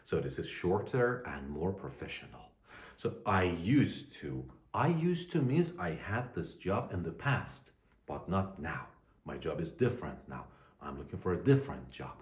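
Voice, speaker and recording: A man teaching an English lesson to learners, speaking deliberately and repeating phrases for them to copy. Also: deep voice, big pitch swings. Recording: echoey room.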